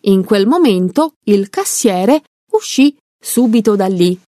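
A woman narrating a story aloud in a slow, careful reading. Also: medium pitch, animated, mellow, no room sound, studio quality.

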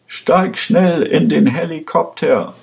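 A man's voice: mid-range voice, lively intonation, a little slow, pitched above the performer's own voice, close to an everyday voice. A man voicing a determined man who insists on saving others in an audiobook. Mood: insistent. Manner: insistent, shouting. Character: determined man shouting in a crisis.

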